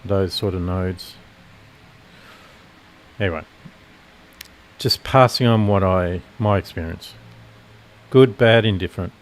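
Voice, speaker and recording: A man's voice: low-pitched, slow, pauses often. A man with a nasal voice giving casual live commentary on futures trades, rambling and correcting himself as he explains his setups.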